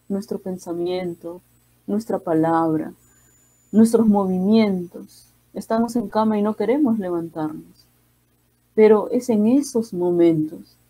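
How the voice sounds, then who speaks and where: A woman psychiatrist with a Peruvian accent giving a calm, reflective talk, speaking gently and slowly with pauses. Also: medium pitch, breathy edge, low-quality recording. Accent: Peruvian Spanish. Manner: gentle, slow, measured with pauses.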